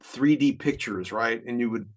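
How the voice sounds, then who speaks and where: A man in his fifties co-hosts a podcast in relaxed conversation. He wanders through explanations, often chuckling as he goes. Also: medium pitch, moderate pace. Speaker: podcast co-host. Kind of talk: casual chat.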